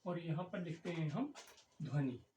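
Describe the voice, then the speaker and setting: A woman teaching a Hindi grammar lesson, explaining slowly and repeating key words as she writes. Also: low voice, expressive, dark tone, a little hiss or hum. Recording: echoey room.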